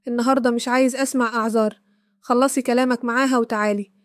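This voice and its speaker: A woman reading the lines of a shaken, deceived husband in Egyptian Arabic, quickly and evenly in her own voice. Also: a little high, steady tone, dry recording, clean studio sound, close to an everyday voice.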